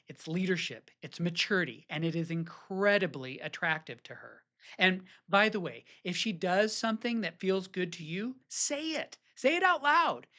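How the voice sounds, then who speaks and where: A man's voice: sits high, fairly bright tone. Earnest man coaching husbands. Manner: earnest, coaching, acts out sample phrases. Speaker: marriage therapist. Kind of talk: scripted advice talk to men.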